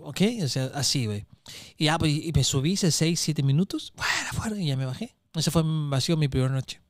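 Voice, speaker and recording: A man's voice: a little high, a little fast, dry recording, studio quality. A man who does stand-up comedy, telling road stories in casual chat and acting out hecklers and crowd voices. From Chile. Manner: acts out crowd voices and hecklers, animated storytelling, heavy slang.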